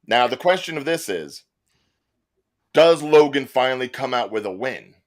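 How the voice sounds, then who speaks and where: Man with a lively, swinging voice. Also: mid-range voice, normal speed. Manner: animated, joking. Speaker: podcast host. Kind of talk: casual wrestling panel talk.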